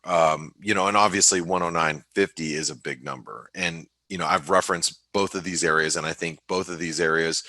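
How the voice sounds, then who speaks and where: A man giving casual market commentary as an analyst on a trading webinar, halting and thinking aloud with many restarts and fillers. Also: sits low, bright, forceful tone, no echo.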